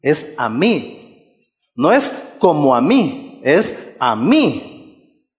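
A preacher voicing the Lord as a calm, patient man who asks gentle, searching questions. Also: a little high, drawn-out words, in a large hall, pitched below the performer's own voice, full character voice. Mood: gently insistent.

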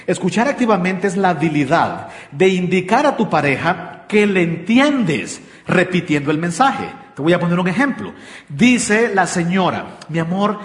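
A man preaches about marriage, asking many questions and speeding up and slowing down as he goes. His voice sits high. It rings through a roomy hall with a long echo. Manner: asks many questions, shifts pace. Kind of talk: church talk on marriage. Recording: echoey hall with long reverb.

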